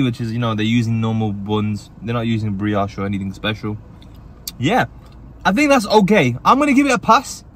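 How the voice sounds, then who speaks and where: A man's voice: medium pitch, slightly rough. A man reviewing food in a parked car, chatty and upbeat, talking while he eats. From England. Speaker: food reviewer and channel host. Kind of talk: casual food review vlog.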